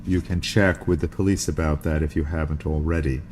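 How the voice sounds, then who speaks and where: In a read-aloud story, a steady, restrained father answers with quiet firmness, read by a man in his own low voice. His tone stays level and controlled throughout. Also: fairly quick, slight background noise. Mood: calm firm. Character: calm firm father, middle-aged man.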